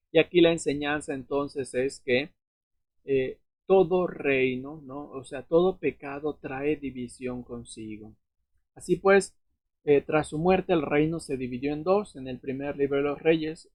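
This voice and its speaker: A man with a husky, somewhat worn, medium-pitched voice gives an unscripted Bible lesson, explaining scripture in a relaxed way. He leans on fillers and checks in with tag questions. The sound is close and dry, with no room echo.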